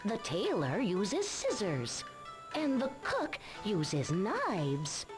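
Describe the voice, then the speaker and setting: A woman's voice: medium pitch, wildly swooping pitch, extremely slow, over music, full character voice. A patient, explaining shop lady. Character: helpful adult woman, patient and explanatory. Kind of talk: dubbed video game dialogue.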